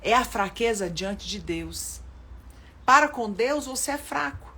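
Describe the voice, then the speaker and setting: A woman with a Brazilian Portuguese accent preaching in a live-streamed sermon, fervent, rising into loud pleading prayer and reading viewers' comments aloud. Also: on the high side, animated, unhurried, husky.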